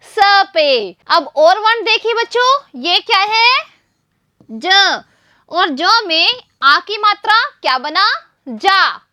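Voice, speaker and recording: A woman teacher giving a slow, patient lesson to small children, asking questions and then answering them herself. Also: very high voice, pushed and bright, no echo, clean studio sound. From India. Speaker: primary school teacher.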